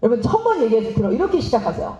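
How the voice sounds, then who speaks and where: A woman missionary giving a lively seminar talk, asking the audience questions and acting out parents and children. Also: fairly high pitch, very fast. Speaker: missionary speaking at a teachers' seminar. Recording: roomy, slightly dull hall recording.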